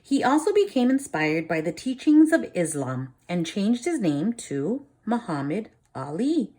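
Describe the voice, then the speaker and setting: A woman with a mid-range, dark-toned voice and big pitch swings reads a picture book aloud to children as their teacher. She stops often to ask questions and explains things in simple words, with an instructive manner suited to young listeners.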